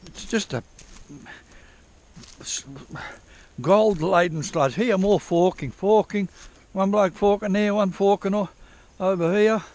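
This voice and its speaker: A man walks through old diggings outdoors for a prospecting vlog, rambling, self-correcting, and swearing casually, captured on a head-mounted action camera. He has a high-pitched, slightly mellow voice and takes his time.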